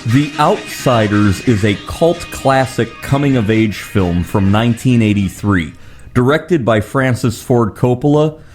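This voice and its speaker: A man's voice: medium pitch, a little mellow. A man reading a scripted plot summary as a film reviewer.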